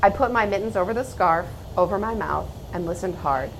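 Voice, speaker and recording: A woman hosting a children's read-aloud, speaking in a measured, expressive way. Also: medium pitch, a little hiss or hum, low-quality recording. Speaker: host reading a children's book aloud and answering questions. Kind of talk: read-aloud storytelling and informal explanatory talk.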